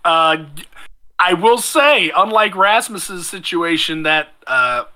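Bright, sharp-voiced man running a tabletop game. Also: high voice, lively intonation, slow. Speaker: game master and show host. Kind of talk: casual tabletop game banter and narration.

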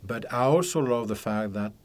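Older male guest in his 70s, from Algeria and France, low voice, rambling and laughing as he chats in a studio. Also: moderate pace. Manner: chatty, rambling storyteller with frequent laughs. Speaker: guest, psychic counsellor. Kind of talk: casual interview chat. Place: podcast studio.

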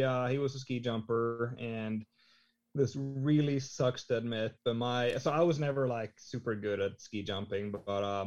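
A man in his thirties from Norway, a podcast guest chatting casually, talking in halting phrases with many fillers. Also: mid-range voice, darkish tone. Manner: halting, lots of fillers and restarts. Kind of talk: casual chat. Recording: slightly dull lo-fi sound.

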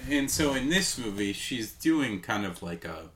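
Deep-voiced man chatting about movies. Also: very animated, unhurried, a bit bright. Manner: rambling, many fillers like "like" and "um". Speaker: podcast co-host. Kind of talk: casual movie discussion.

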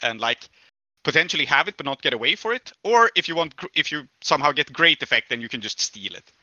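A man's voice: a little high, expressive, fast, sharp tone, dry recording, dull audio. A man narrating as game master in a tabletop role-playing session, explaining rules and scenes casually.

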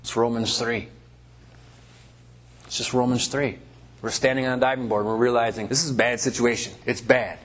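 A man's voice: mid-range voice, steady tone, moderate pace, long pauses, a bit bright. A man preaching a sermon in a church, breaking up scripture readings with folksy, conversational asides. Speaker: pastor. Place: church before a congregation.

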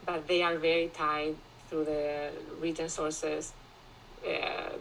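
A woman from Spain, a classicist, talking as a guest in a podcast interview, thoughtful and pausing often with restarts. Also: low-pitched, level tone, a bit bright, a little hiss or hum, low-quality recording. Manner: thoughtful, many restarts and fillers, laughs often.

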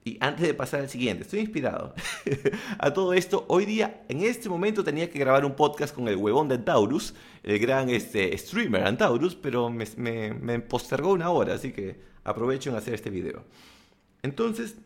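A man giving motivational tips in a casual monologue to camera, blunt and crude with animated asides. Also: mid-range voice, normal speed. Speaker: self-help vlogger and coach.

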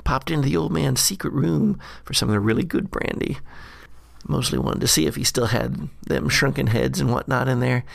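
A performer voices Skeen, a scrappy, slangy, jittery adventurer, in an in-character audio diary recounting a bad day. The medium-pitched, gravelly voice moves at a moderate pace, cheeky and chatty, muttering, cursing and cutting itself off. It's studio quality with no room sound.

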